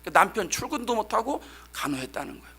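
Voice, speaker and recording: A middle-aged male pastor preaching a sermon, telling a story in an animated, emphatic way that sometimes turns to shouting. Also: sits high, fast, slightly rough.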